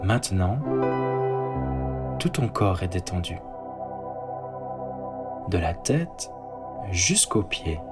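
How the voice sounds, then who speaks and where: A man leading a guided sleep meditation and bedtime story, speaking softly and calmly. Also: deep voice. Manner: slow, soft, calm guiding delivery. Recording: soft ambient synth music underneath.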